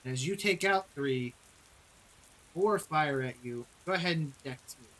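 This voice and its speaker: A man's voice: a little high, lively intonation, fairly bright tone, rough recording. Man running a vampire tabletop game. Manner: measured, calls for rolls and narrates combat results. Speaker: game master.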